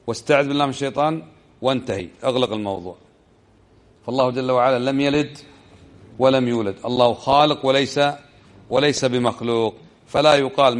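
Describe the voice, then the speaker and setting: A man giving a religious lesson, explaining step by step and checking the listeners with quick questions, slowing down over quoted verses. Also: medium pitch. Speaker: religious teacher.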